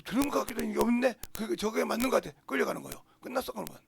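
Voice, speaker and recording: An older man preaches a sermon in a high, husky voice with a heavy gravelly grain. He is forceful and blunt, and lurches from loud outbursts to low murmurs. The sound is close and dry. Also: very animated, rapid-fire, no room sound. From South Korea. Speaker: pastor. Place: church sanctuary.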